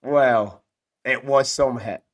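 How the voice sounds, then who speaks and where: A man with a Scottish accent hosts a football chat in a hoarse voice worn out from shouting. He rambles in a matey, enthusiastic way, at a middling pitch. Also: takes it slowly. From Scotland. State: hoarse, voice partly lost from shouting. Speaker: podcast host. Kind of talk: casual fantasy football chat.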